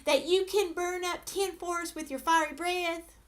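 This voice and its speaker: Woman as young princess, storybook, high pitch, bold, clever, defiant, emphatic. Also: steady tone, moderate pace. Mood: challenging. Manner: loud, emphatic calling out.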